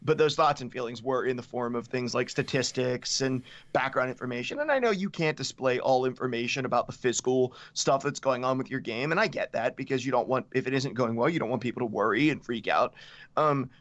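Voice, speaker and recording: A man's voice: mid-range voice, a little fast, a bit bright, dry recording. Earnest man on a dull dry mic. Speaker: podcast co-host. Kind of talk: casual podcast discussion.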